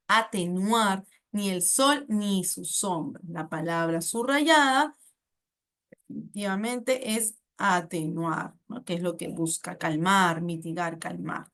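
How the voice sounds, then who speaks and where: A woman's voice: medium pitch, fairly bright tone. Patient Peruvian woman explaining exam answers. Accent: Peruvian Spanish. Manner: patient, explanatory, with tag questions and self-corrections. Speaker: exam prep teacher.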